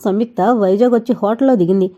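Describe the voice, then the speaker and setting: A hot-tempered middle-aged doctor argues with his mother, quick and irritated as he tries to swallow his anger, voiced by a woman reading an audio novel. The voice stays close to the reader's own, mellow and soft-toned. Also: medium pitch, dull audio, lightly acted. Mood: irritated arguing. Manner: irritated, holding back anger, shouting.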